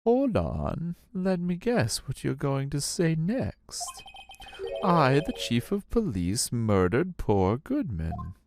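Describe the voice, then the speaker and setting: A man voicing a pompous older male police chief in a fan dub of a game, speaking in a slow, mocking, theatrical way. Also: medium pitch, huge pitch swings, vocal fry, darkish tone, slight background noise, voice pushed up, exaggerated voice. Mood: smug. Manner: slow, drawn-out, mocking delivery.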